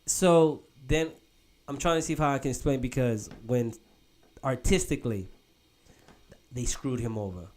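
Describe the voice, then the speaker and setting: A young man hosts a laid-back podcast, talking in loose, animated runs and often restarting. He drops "bro" into almost every thought. His voice sits at an ordinary middle pitch, close to the mic. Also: moderate pace. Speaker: podcast host. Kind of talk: casual chat.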